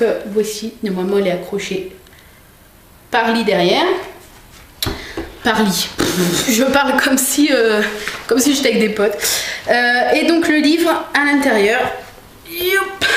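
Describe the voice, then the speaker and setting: A young woman vlogs casually from a room at home, showing things to the camera with many fillers and restarts. Her voice is on the high side, with a measured pace and long pauses. The room echoes and there's faint noise.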